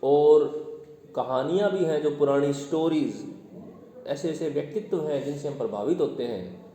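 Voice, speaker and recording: A man's voice: on the high side, moderate pace, warm tone. Man teaching in an echoey classroom. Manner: explains patiently, quizzes the class with questions. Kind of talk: classroom lecture. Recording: echoey classroom with long reverb.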